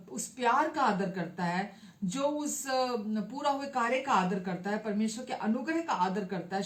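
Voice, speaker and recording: A woman preaching a sermon, her voice sitting a little higher than most and ringing through an echoey room. She reads the scripture passage aloud and then explains it in her own words. She pauses often and breaks in with amens. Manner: frequent hesitations and amens. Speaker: pastor.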